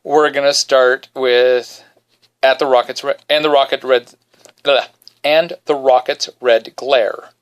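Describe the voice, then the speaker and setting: A podcast host in his bedroom tells a self-deprecating story casually and with animation, quietly singing short snippets along the way. His baritone voice is slow and smooth.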